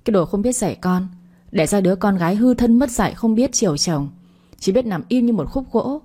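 A woman's voice: mid-range voice, animated, fairly quick, dark tone, natural voice. A woman voicing an arrogant, spiteful young husband who sneers and swears at his father-in-law, in storytelling narration. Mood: sneering. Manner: sneering, cursing.

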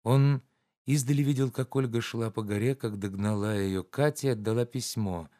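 This classic-novel audiobook is read by a man whose voice sits in the mid range. His narration stays even and measured throughout.

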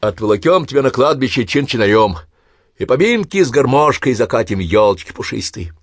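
A man voicing a rowdy, irreverent grown son who cracks loud jokes. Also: medium pitch, big pitch swings, a little fast, no echo, clean studio sound, voice pushed up. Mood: boisterous. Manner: boisterous, loud wisecracking.

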